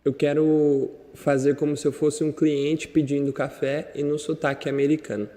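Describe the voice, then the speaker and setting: A man's voice: fairly high pitch, level tone, moderate pace, warm tone, long reverb tail. A man with a Brazilian Portuguese accent teaching an English lesson in a direct, chatty way, talking straight to the viewer. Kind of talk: casual online lesson.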